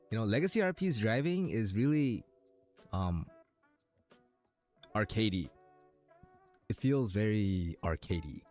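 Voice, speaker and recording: Guy streamer w a lowish voice, casual rambly chat kinda thinking out loud, faint music behind. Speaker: game streamer.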